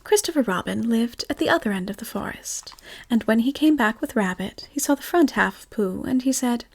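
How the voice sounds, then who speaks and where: A woman reads a storybook in a soft, slow, whispered ASMR style. Her breathy whisper sits a little high. It rises and falls in a lively, lilting way. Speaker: ASMR reader.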